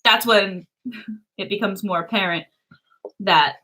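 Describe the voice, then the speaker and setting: A woman's voice: mid-range voice, measured pace, sharp tone, rough recording. A woman chatting casually as a livestream co-host, reflective and loosely phrased with a giggly manner.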